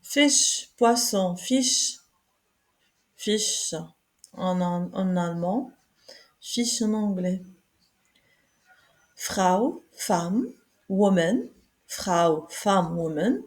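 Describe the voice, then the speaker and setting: A woman's voice: mid-range voice, expressive, very slow, pauses often. A woman teaching German from French, repeating each word in German, French and English, with hesitant fillers. Her first language is Arabic. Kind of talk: slow alphabet lesson. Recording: soft music behind.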